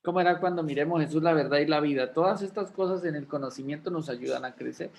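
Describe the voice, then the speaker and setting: A man's voice: fairly high pitch, fast, vocal fry, a little mellow. A man, a pastor teaching a class in a conversational sermon style, often checking in with rhetorical questions. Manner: folksy, asks rhetorical questions of listeners.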